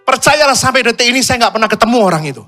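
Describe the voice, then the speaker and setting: Animated man preaching to youth. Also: extremely high pitch, rapid-fire. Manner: animated storyteller, mimics dialogue, laughs often. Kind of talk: sermon with acted-out anecdote.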